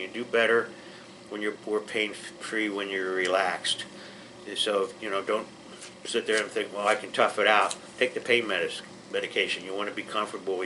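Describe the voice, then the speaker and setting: A man's voice: fairly low pitch, sharp tone, slight background noise, low-quality recording. A man teaching a pre-surgery class, explaining things in a plainspoken, reassuring way with frequent restarts. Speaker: patient educator.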